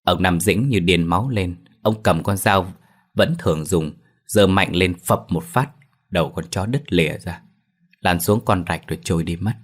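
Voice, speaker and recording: A man narrating a ghost story in a steady, ominous tone. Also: deep voice, moderate pace.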